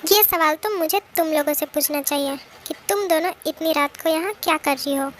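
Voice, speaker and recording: A woman's voice: high-pitched, brisk, a little hiss or hum, lightly acted. A woman voicing a stern, teasing older brother who scolds and gives orders in a fan-made drama dub. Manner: scolding, commanding.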